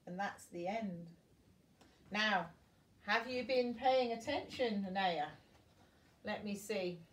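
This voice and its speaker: Like a grandmother at bedtime, an older woman reads aloud to young children at a slow pace, adding little asides as she goes. She has a mid-range voice and reads expressively. She's well away from the microphone, and the room echoes.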